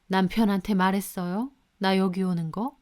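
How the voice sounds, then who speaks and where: A woman voicing a quiet, composed older mother-in-law in a radio story. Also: medium pitch, steady tone, normal speed, lightly acted.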